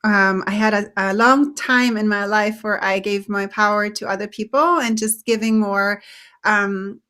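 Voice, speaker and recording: A woman from Switzerland, a guest author talking in a casual live interview, bubbly, laughing often and filling pauses with ums. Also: medium pitch, fairly even intonation, pushed and bright, clear, resonant tone. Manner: bubbly, laughs often, uses many fillers.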